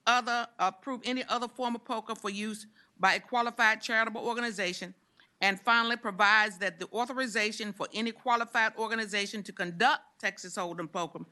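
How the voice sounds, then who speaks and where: A woman senator presenting a bill to a committee, reading its provisions in a brisk, steady way. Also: mid-range voice. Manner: brisk, reads provisions steadily, stumbles on repeats when challenged. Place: legislative committee room.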